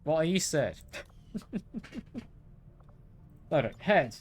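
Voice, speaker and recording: A man's voice: fairly high pitch, big pitch swings, extremely slow. A man streaming a game live, chatting casually, asking his viewers questions and chuckling often. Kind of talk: casual live gameplay chat.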